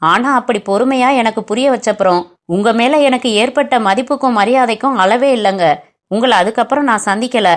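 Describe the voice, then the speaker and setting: A humble, remorseful young man pleads and apologizes with quiet respect, as a woman reader voices him. The voice stays fairly high and light, close to the reader's own, in the manner of a spoken storybook. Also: fairly quick, lightly acted. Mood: remorseful, pleading.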